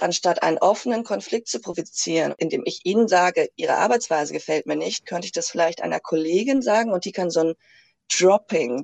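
A woman, a psychologist and lecturer, answering questions in a radio interview in a calm, explanatory way. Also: fairly low pitch, creaky, no echo.

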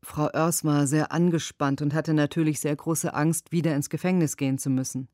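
A woman's voice: sits low, steady tone, moderate pace, dark tone, dry recording. Earnest female voice-over for a lawyer's answers, dry and close. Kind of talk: read translated interview answers.

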